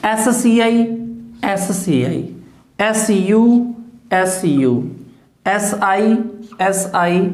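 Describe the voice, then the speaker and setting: A woman with a Hindi accent teaches English sounds at an unhurried pace, saying each word over and over. Her voice sits in an echoey room. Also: medium pitch, a little mellow. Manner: slow, repeats each word several times. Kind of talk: phonetics lesson.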